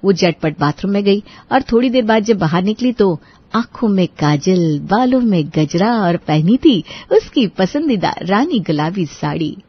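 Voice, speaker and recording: Husky woman narrating a storybook cartoon. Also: mid-range voice, animated, unhurried, lo-fi sound.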